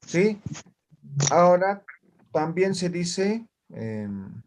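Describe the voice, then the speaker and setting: In a class where students respond aloud, a male language teacher talks extremely slowly in a high, sing-song, slightly mellow voice. Nearly every phrase ends with a short question checking on his students.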